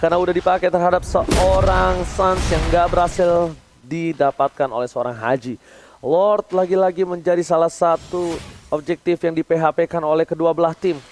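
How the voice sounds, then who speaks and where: A high-voiced man with an Indonesian accent casts a game live. His commentary is excited and dramatic, with faint game noise behind it. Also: moderate pace. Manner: dramatic, repeats player names for emphasis. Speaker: esports play-by-play caster.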